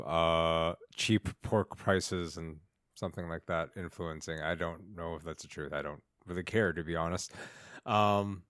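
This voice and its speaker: Slow, laid-back man with a lowish voice. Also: no echo, clean studio sound. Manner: laid-back, halting, self-interrupting. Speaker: podcast co-host. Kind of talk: casual chat.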